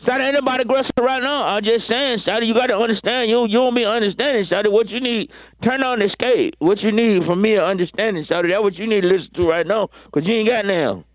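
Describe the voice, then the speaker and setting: Man doing a stammering, slangy excuse-maker calling over the phone. Slightly high voice, tinny dry line. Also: quick pace, hardly any pauses, no echo. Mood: defensive. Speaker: caller.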